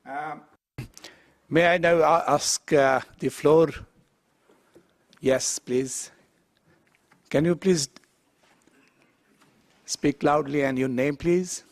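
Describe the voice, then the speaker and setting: A man moderates a conference panel in an unhurried, courteous way, with many small pauses. The sound is dry and close. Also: a little high, steady tone, dry recording.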